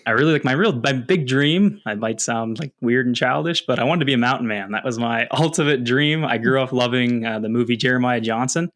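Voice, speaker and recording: As a podcast guest, a wildlife photographer and content creator from London, Ontario, Canada, tells personal stories about himself in a casual, animated, self-deprecating way. His mid-range voice is a bit bright, and he talks fairly quickly with few pauses.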